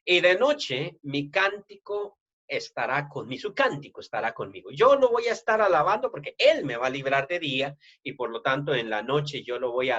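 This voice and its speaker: A man with a Latin American Spanish accent preaches a sermon in a relaxed, conversational way. He keeps checking in with his listeners through tag questions and often restarts his sentences. His voice sits a little high and swings widely in pitch, and the recording sounds dull and lo-fi.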